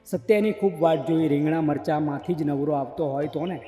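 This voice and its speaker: A man narrating a novel as an audiobook in a measured, literary reading style. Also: on the high side, warm tone. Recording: echoey hall with faint music.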